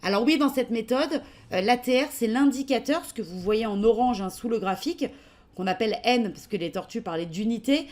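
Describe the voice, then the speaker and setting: French-accented woman hosting a live online trading webinar; slightly high voice, relaxed and halting delivery. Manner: casual and hesitant, many fillers, answers questions while reading them. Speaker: webinar presenter for trading software.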